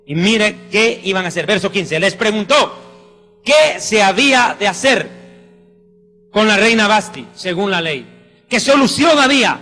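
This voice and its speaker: A man's voice: sits high, sing-song, measured pace, sharp tone. A man preaching a sermon with fervent, exclamatory emphasis. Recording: reverberant hall with faint music.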